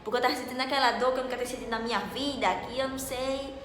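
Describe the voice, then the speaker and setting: Teen girl from northeast brazil, bright high voice, echoey room, dramatic storyteller. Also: very fast, a little hiss or hum. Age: late teens. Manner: animated, dramatic, acts out dialogue loudly. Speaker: vlogger. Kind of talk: casual storytelling to camera. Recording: echoey room with long reverb.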